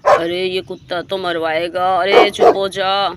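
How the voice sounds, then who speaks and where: Woman putting on a low, muttering male burglar. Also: little pitch movement, a little slow, heavy background noise, natural voice. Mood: panicked. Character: male burglar, sneaky and greedy.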